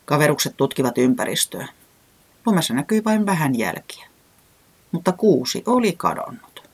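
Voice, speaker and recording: A storyteller reading a children's storybook aloud in a calm, gentle way with a lively lilt. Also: mid-range voice, slightly rough.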